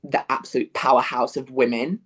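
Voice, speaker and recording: This young man's medium-pitched voice is flat and brisk, a bit bright, with a breathy edge. He is a musical theatre performer from Yorkshire, England, with a Northern English accent, chatting casually as an interview guest with plenty of fillers and restarts.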